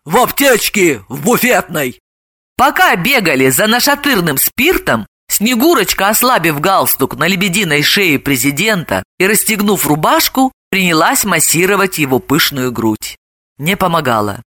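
A woman reads a comic audiobook in a lively, expressive way. Her voice is bright and fairly high, with a lot of movement in pitch. The sound is close and dry. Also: moderate pace, no echo. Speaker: audiobook narrator.

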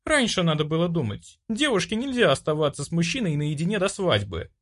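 A man's voice: fairly high pitch, very animated, a little fast, voice pushed up. A man voicing a brash, self-assured young woman in an audiobook, bossy and pushy. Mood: haughty.

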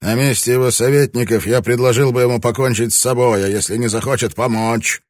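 A male reader voicing a furious, bullying samurai lord who barks and shouts his lines in an audiobook. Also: low voice, expressive, moderate pace, dry recording, studio quality. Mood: scheming, harsh. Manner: barking, bullying, explosive shouting. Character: furious proud samurai lord, middle-aged man. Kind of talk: audiobook character reading.

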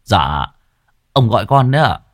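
A man's voice: on the low side, sing-song, normal speed, no room sound, studio quality. Dim young servant, voiced by a man, meek and deferential. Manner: humble, dazed, deferential.

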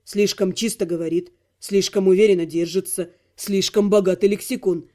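A man's voice: high voice, steady tone, moderate pace, mellow. A man reading a first-person audiobook, telling the story in a wry, self-ironic way. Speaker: audiobook narrator.

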